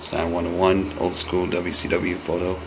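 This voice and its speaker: A man narrating a casual unboxing vlog in a low-key, halting way, in short phrases, recorded indoors on a handheld camera. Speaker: autograph collector and vlogger. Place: indoors in a home room. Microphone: handheld phone or camera. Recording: noisy handheld camera, steady room hum.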